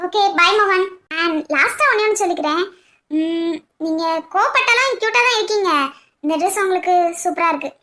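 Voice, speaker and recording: A woman's voice: very high voice, a little fast, sharp tone. A woman voicing a bold young college student from a village in a cartoon, speaking bluntly and with self-assurance. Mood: cheeky.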